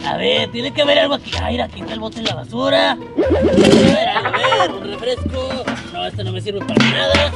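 A man's voice: very high-pitched, big pitch swings, normal speed, creaky, heavily acted. A man playing a mischievous, gloating lion mascot in a children's comedy sketch, with silly clownish taunting and cackles. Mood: scheming, playful. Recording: loud music over the voice.

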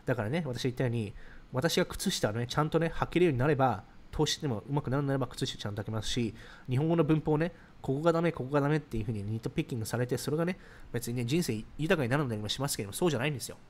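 A man's voice: mid-range voice, expressive. A man in his thirties hosting a casual livestream, reading viewer comments aloud and answering them in a chatty, explanatory way. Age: 30s. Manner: rapid, chatty, explains ideas while reacting to comments.

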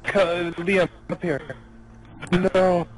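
A man's voice: sits high, flat delivery, slow. A man reacting as a scared horror game streamer, stammering and exclaiming in casual chat over a noisy game voice chat. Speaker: gamer in an online co-op game.

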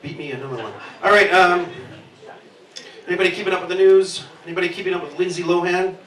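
Heard from across the room with roomy club acoustics, a man in his thirties performs rambling stand-up full of swearing and self-mockery. He uses a handheld mic in a small pub basement, and his high, fairly bright voice moves at a quick pace.

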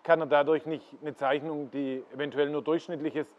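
A man's voice: a little high, little pitch movement, moderate pace. A middle-aged man with a slightly raised voice talks his way through a greenhouse full of koi ponds. He keeps steering the listener toward one fish after another and explains what makes each one good. The sound is a bit dull and lo-fi. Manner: explanatory, pointing viewers to fish. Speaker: koi dealer giving a farm tour. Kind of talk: walking tour commentary.

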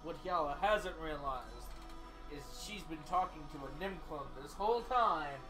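A playful player in a casual tabletop session who cracks jokes and sometimes shouts out cheers. Music plays clearly behind the voice. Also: medium pitch, lively intonation, normal speed. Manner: playful, jokey, bursts into loud cheers. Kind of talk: casual tabletop game chat.

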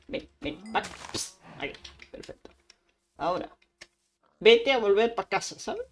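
A woman's voice: medium pitch, a little hiss or hum. A woman, streaming Minecraft casually, chatting to herself and making little sound effects as she plays. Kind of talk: casual Minecraft let's play.

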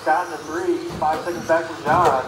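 A man announcing a remote-control car race, calling laps, gaps and positions in brisk play-by-play. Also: fairly high pitch, fairly even intonation, noisy background. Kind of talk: live race commentary. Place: indoor RC raceway. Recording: echoey indoor track with loud cars.

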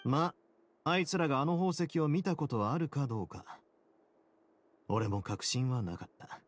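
With a medium-pitched voice and only light acting, a man portrays a composed, shrewd anime-game prison duke. He explains things calmly and confidently at a measured pace, and the recording has no echo.

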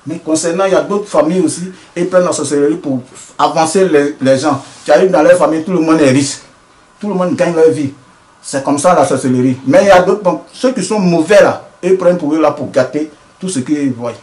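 Speaking a little fast with a darkish tone, a man with a somewhat high voice answers interview questions about being a traditional healer. His earnest talk is full of broken-off, restarted sentences, and a distinct room echo colors the audio.

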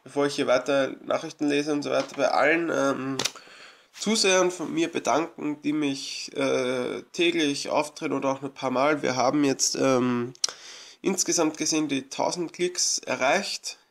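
A gravelly, slightly higher-pitched man talks through a management game as a let's play host. His commentary is loose and rambling, with lots of hesitations and restarts. He comes across as eager and thankful toward his audience. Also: normal speed. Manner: chatty, rambling, many fillers and restarts; grateful, eager. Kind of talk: casual gameplay commentary.

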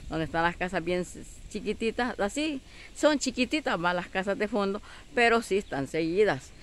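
A Salvadoran woman talks to her viewers in a chatty, unhurried way, forever asking them to look and checking they follow. She is outdoors at her rural home, filming on a handheld phone, and a faint hiss of wind and outdoor sounds runs beneath her voice. Her voice sits at a middling pitch. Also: animated. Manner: chatty, keeps calling on viewers to look, with frequent "¿verdad?". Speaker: vlogger. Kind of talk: casual chat to viewers while filming.

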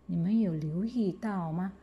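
A woman teacher from Malaysia, reading example words slowly and clearly for pupils to repeat. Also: lowish voice, highs cut off, slight background noise. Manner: slow, drawn-out model reading for pupils to repeat. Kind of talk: slow classroom pinyin lesson.

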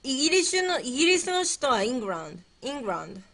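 A woman hosts a relaxed livestream, answering quiz questions in a playful, scatterbrained way and thinking out loud. Her voice is bright and sits a bit high. Her pitch swings widely from line to line. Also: very fast. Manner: playful and scatterbrained, musing aloud and repeating herself. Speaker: livestream host. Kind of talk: casual livestream chat, answering quiz questions and reading viewer comments.

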